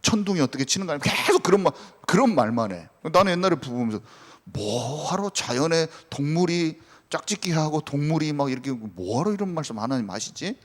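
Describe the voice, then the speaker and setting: A male pastor preaching a sermon with passion, dropping to a hush and then rising again. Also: a little high, big pitch swings, fairly quick, big-room sound. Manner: impassioned, swings between hushed and raised.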